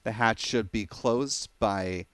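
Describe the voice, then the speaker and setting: A man's voice: lowish voice, slow, a bit bright. A man giving explanatory live commentary on a rocket launch webcast.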